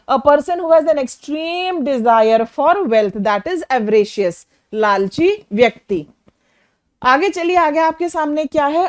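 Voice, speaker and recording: Woman teacher with a high, bright voice; quizzes her class and checks they follow, slowing to spell out words. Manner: asks students questions and often checks with "okay" and "clear"; slows down to spell and define words in English. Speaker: English vocabulary teacher. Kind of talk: Hinglish classroom lesson.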